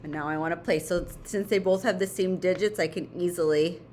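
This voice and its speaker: In a fairly low, darkish voice with mostly even intonation, a woman talks a little fast over slight background noise. She's an elementary school math teacher walking children through homework step by step, playfully breaking it into short phrases and checking in often.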